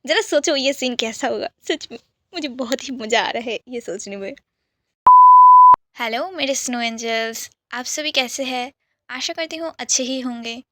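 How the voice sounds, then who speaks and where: Soft whispering woman storyteller. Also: fairly high pitch, normal speed.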